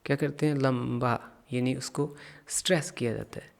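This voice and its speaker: A man teaching English pronunciation, explaining sounds and repeating practice phrases slowly and deliberately. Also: mid-range voice, steady tone, vocal fry. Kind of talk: pronunciation lesson, reading aloud.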